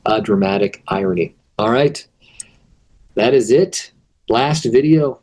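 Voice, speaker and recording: Man teaching, voice going hoarse. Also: lowish voice, unhurried, a little mellow, low-quality recording. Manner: casual explanatory, asides and rhetorical questions. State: losing his voice. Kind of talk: recorded video lesson.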